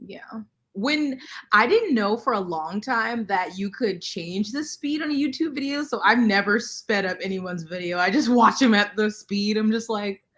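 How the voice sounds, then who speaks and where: A woman talks with bubbly enthusiasm in a casual live-stream chat, her voice sitting at an everyday middle pitch. She is on a video call with other booktubers and breaks into laughs between thoughts. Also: normal speed, fairly bright tone. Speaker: booktuber on a panel.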